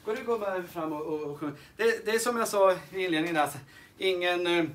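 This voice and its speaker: A man's voice: high-pitched, fairly bright tone, a little hiss or hum. A man hosting a live sing-along, chatting casually with many fillers and restarts. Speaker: sing-along host and guitarist. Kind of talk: casual live-stream chat. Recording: guitar playing behind voice. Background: guitar music.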